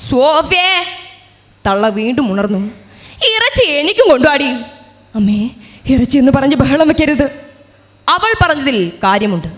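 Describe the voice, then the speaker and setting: Girl doing a shrill starving old granny. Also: very animated, normal speed, pauses often. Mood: whining. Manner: shrill, whining demands. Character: old, hungry, half-mad grandmother. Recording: hall reverb, accordion music behind.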